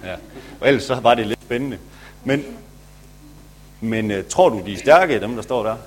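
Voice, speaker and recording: A man, a pastor, retelling a Bible story for children in a chatty, playful way. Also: mid-range voice.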